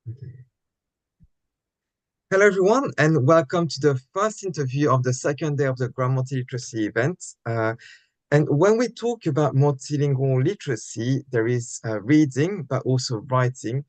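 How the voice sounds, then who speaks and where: A man's voice: medium pitch, animated, normal speed, dry recording. A man hosting a live online interview, welcoming and introducing his guest in a polite, formal way. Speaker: host.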